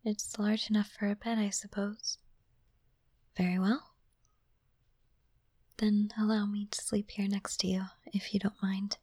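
Gentle young princess, future queen, whispered by a woman: breathy, very slow, soothing, dry close sound. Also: mid-range voice, level tone, dry recording. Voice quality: soft unvoiced whisper. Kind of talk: whispered ASMR roleplay.

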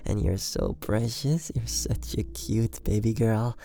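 A man in an ASMR boyfriend roleplay, talking close to the mic with soft, doting, repetitive praise that often drops to a whisper. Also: on the low side, takes it slowly, creaky.

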